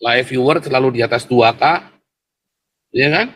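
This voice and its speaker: A livestream host with a medium-pitched, fairly bright voice speaks at a moderate pace. He addresses his viewers directly again and again, mocking and provoking them while laughing scornfully, in a stretch of livestream commentary.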